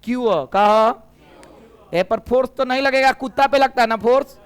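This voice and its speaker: Man, physics teacher, Bhojpuri-tinged accent, high voice, crisp tone, teasing, drills class in call-and-response. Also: normal speed. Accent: Bhojpuri-tinged Hindi. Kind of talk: lively classroom lecture.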